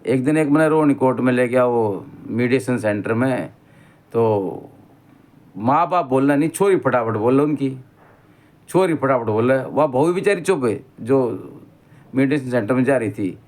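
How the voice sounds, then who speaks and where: A man's voice: mid-range voice, animated, moderate pace, darkish tone. A middle-aged man with a rustic Haryanvi accent talks straight to his viewers in a loose, unscripted monologue. He rambles from one story to the next and keeps calling his listener brother as he goes. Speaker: vlogger. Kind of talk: casual spoken monologue.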